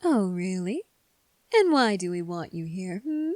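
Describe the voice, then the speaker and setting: A woman playing a cynical, taunting gang member in an ASMR role-play, speaking in a sardonic, teasing, unhurried way. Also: lowish voice, sing-song, a little mellow, no room sound, clean studio sound. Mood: amused, taunting.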